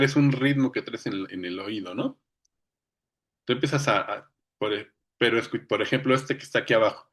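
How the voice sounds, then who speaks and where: A man with a Mexican accent giving an informal lecture, talking conversationally and often checking that listeners are following. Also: mid-range voice. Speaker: speaker on poetry.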